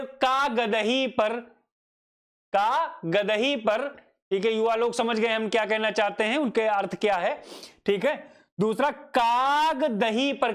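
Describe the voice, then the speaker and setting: A man with a high, smooth voice gives a Hindi grammar lecture, posing questions to himself and repeating each definition. He fondly calls his students "child."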